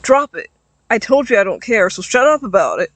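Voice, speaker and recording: A man's voice: high voice, lively intonation, moderate pace, creaky, fairly bright tone, dry recording, full character voice. A man voicing an irritable teenage boy who talks curtly and dryly in a storybook reading. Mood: yelling. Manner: curt and dry, snapping when annoyed. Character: moody, irritable teen boy about to graduate.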